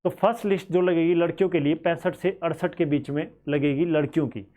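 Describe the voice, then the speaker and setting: A man's voice: fairly high pitch, steady tone, a little fast, dark tone. A man with a Haryanvi-flavoured Hindi accent teaching students about exam cut-offs in a conversational, thinking-aloud way.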